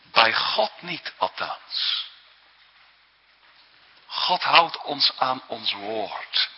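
In a medium-pitched, slightly rough voice, a very animated preacher draws out his words, pressing his points earnestly and tagging them with questions. The sound is dull and lo-fi, with a long hall echo.

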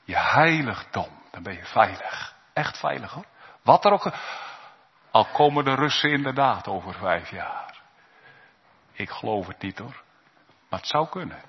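A man preaching a sermon in speech, earnest, dropping to soft low asides and rising into raised exhortation. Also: husky. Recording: dull sound with long hall reverb.

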